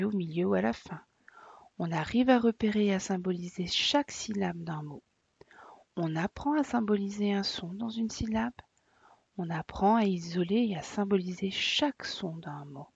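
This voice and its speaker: A woman teacher calmly explaining to parents, in a soft, partly whispered way. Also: medium pitch, creaky, husky, no echo. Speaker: preschool teacher. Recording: dull lo-fi dry sound.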